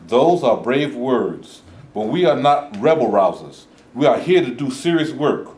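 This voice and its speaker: Playing the careful, principled head of a protest movement, this man delivers his lines with formal earnestness, sounding both resolute and troubled. His mid-range voice has a slightly dark tone, swings widely in pitch, and moves a little slowly through the echo of a live staged reading.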